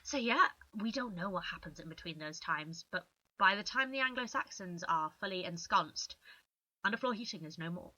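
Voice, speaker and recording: A woman guest in a casual chat, playful and quick to act things out. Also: fairly low pitch, expressive, pushed and bright, dry recording, low-quality recording.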